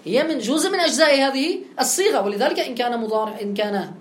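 A woman teaching a grammar lesson. She keeps checking understanding with quick questions and affirmations. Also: sits high, lively intonation, roomy sound, slight background noise.

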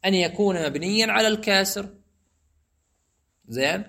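A man teaching a grammar lesson, explaining step by step and repeating examples slowly. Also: high-pitched, vocal fry, sharp tone.

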